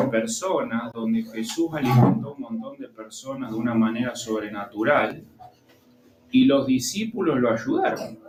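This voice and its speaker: A man preaching a sermon, reading scripture slowly and adding explanatory asides. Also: mid-range voice. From Argentina. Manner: slow, deliberate preaching with pauses and asides. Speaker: pastor. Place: church hall. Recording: echoey church hall with music behind. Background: music.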